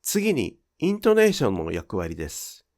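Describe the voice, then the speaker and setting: Man explaining in a lively voice. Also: lowish voice. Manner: clear, measured explanatory delivery. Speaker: Japanese pronunciation teacher. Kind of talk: scripted instructional narration.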